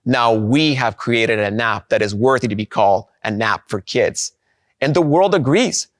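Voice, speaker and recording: A man from Guatemala, giving an upbeat conference keynote and slowing down to stress key points. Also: mid-range voice, no echo, clean studio sound. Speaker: presenter of a product.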